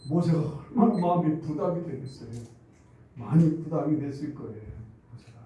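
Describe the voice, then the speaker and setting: A man's voice: high-pitched, dark tone. A male pastor preaching a sermon, retelling a Bible story and acting out the grumbling crowd in quoted voices. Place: church sanctuary. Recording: very echoey church hall, mic at a distance.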